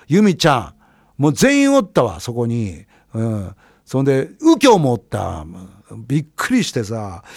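A man's voice: fairly high pitch, dry recording, clean studio sound. A middle-aged man, hosting a radio show and telling a story in a casual monologue, acting out the people he quotes. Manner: animated, quotes people with voice changes. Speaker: radio host.

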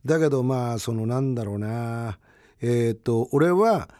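Male radio host, 50s, chatty and rambling, animated pitch, dry sound. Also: measured pace, dry recording. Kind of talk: casual late-night radio talk.

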